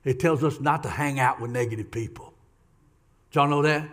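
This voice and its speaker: A man's voice: mid-range voice, normal speed, fairly bright tone. A man preaching a sermon as pastor, emphatic, repeating key lines and questioning the congregation.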